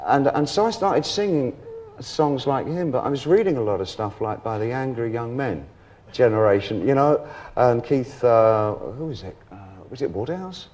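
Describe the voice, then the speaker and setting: A middle-aged man chatting as a talk show guest, animated and quick to laugh, slipping into voices as he tells his stories. His pitch sits in an ordinary middle range. A faint hum of studio ambience lies under him. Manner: animated storyteller who acts out other people's voices and laughs often. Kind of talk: casual anecdotal interview chat.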